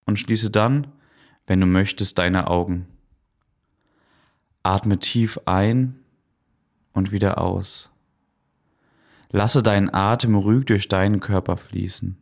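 A man softly and calmly narrating a guided meditation in a soothing manner, as the host of a relaxation podcast. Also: deep voice.

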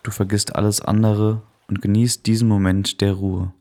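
Deep, even-toned man guiding relaxation softly. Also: moderate pace. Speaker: host and guide of a relaxation podcast. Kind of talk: guided meditation, dream journey narration.

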